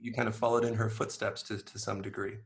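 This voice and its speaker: A man hosting an interview podcast, asking questions in a friendly, measured way. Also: fairly low pitch, little pitch movement. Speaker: podcast host.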